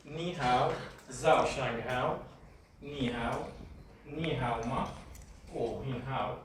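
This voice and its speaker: Distant, echoey man haltingly practicing Mandarin. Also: mid-range voice. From Australia. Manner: halting, careful learner's pronunciation. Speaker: beginner Chinese student. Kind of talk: reciting a practice dialogue in class. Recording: distant, very echoey, noisy classroom pickup.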